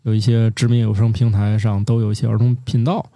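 A man co-hosting a casual science podcast in a relaxed, joking, opinionated way. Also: lowish voice, fast, gravelly, no echo, clean studio sound. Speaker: podcast co-host.

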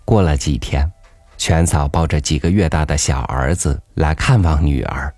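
A man reading a story aloud in a calm, measured storytelling voice. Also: a bass voice, no echo. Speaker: audiobook narrator. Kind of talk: scripted storybook narration. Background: soft background music.

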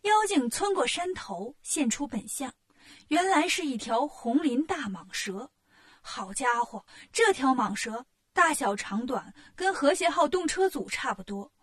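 A woman narrates a children's storybook with lively, expressive delivery. Her voice sits high. It has a soft, husky edge. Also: unhurried.

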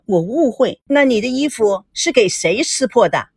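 A sharp-tongued young woman who speaks in a pointed, teasing way with a lively, wide-ranging voice, as a woman storyteller puts her on. The sound is dry and close. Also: fairly high pitch, moderate pace, breathy edge, no room sound, pitched above the performer's own voice. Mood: suspicious.

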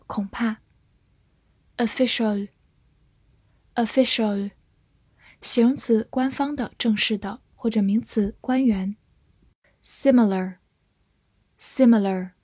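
A woman teaching English vocabulary, reading each word slowly and carefully in a scripted lesson. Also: a little high, mellow, breathy edge, no echo.

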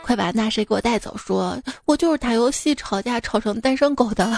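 A young woman with a slightly high voice and a noticeable gravelly fry runs a playful joke segment. She reads listener jokes in a teasing, chatty manner and chuckles at her own punchlines. Soft music sits faintly beneath her voice. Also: brisk. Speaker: radio-style host reading listener jokes. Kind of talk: playful joke-reading monologue.

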